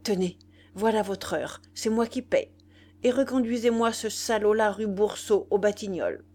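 A woman voicing a furious, betrayed young woman who spits insults in rapid, broken, panting bursts. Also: medium pitch, mellow, lightly acted. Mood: vibrant scornful.

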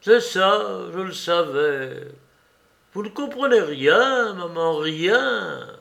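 A man's voice: a little high, slow, a bit bright. Condemned young man, shivering and irritable, edge of despair, voiced by a male narrator. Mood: bitter desperate. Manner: irritated, desperate.

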